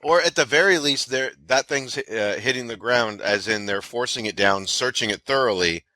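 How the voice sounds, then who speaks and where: Bright-voiced, joking man, laughing a lot. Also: medium pitch, moderate pace, no room sound. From Canada. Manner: laughs often, joking and chatty. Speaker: podcast co-host. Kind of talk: casual movie podcast chat.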